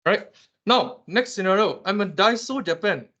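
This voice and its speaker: A Malaysian man lecturing his class on economics, animated and teasing as he quizzes students. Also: high-pitched, moderate pace, dull audio. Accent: Malaysian English.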